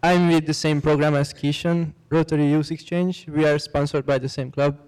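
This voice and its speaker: A teenage boy speaks in a steady, matter-of-fact way. His slightly high, clear voice stays flat in pitch throughout. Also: moderate pace, poor audio. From Hungary. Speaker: exchange student.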